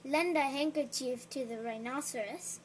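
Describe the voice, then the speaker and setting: A storybook reader with a high voice reads a children's picture book aloud, gentle and unhurried, pausing for friendly asides to her listener. There's a little hiss or hum in the background.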